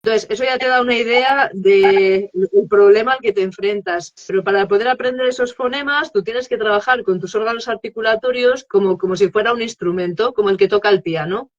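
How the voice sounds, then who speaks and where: A woman's voice: mid-range voice, a little fast, hardly any pauses. Lady explaining how she teaches english, keeps checking in w/ the listener, kinda dull lo-fi live stream sound. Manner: explanatory, checks in with frequent tag questions. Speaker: guest, English teaching expert.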